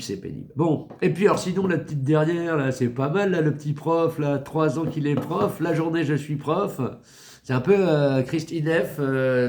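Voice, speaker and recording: A man's voice: mid-range voice, darkish tone. A man from France giving a casual satirical monologue, mocking, rambling and crude, with lots of filler words. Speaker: satirical commentator.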